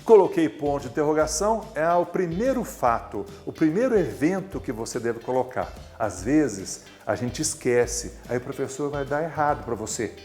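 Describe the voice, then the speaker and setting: A man's voice: mid-range voice, animated, moderate pace, few pauses, darkish tone, faint music behind. A man with a Brazilian Portuguese accent teaching English grammar in a recorded video lesson, patient and explanatory, drawing out words for emphasis.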